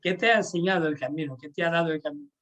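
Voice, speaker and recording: His speech comes rapid-fire as this pilgrim and host from Portugal, whose first language is Portuguese, tells warm stories in a friendly chat. The voice is a little higher than most men's. Sentences often get cut off and restarted, and he repeatedly checks in with the listener, saying "sabes?"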